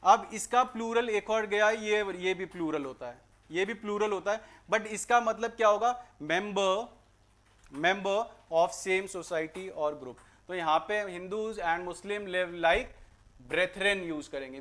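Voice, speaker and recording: A fairly high-voiced man with an Indian accent teaches a grammar lesson for exam preparation. He explains points conversationally, then slows right down to read English sentences word by word. He quizzes the class with questions he answers himself. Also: a bit bright. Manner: explains in Hindi, reads English sentences slowly and deliberately; asks and answers his own rhetorical questions.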